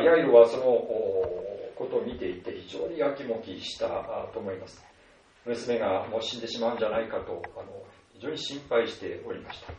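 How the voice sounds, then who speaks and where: A male pastor preaching a sermon at a measured pace, with many soft filler words between phrases. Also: medium pitch. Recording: distant, roomy, dull lo-fi sound.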